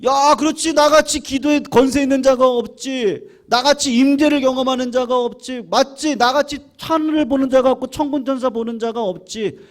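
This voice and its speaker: A man's voice: very high-pitched, fairly even intonation, normal speed, few pauses, pitched above the performer's own voice. A man voicing a proud male hermit monk boasting about his own holiness. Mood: boastful. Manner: boastful, self-assured.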